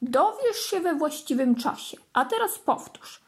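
A wise old bench in a children's storybook, patient and teacherly, played by a woman. It speaks slowly, in a fairly high voice. It explains things calmly and reassures the listener.

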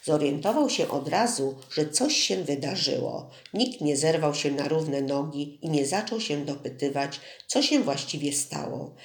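Measured audiobook narrator in an echoey room. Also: mid-range voice. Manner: steady, measured storytelling. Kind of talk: scripted narration. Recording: roomy echo.

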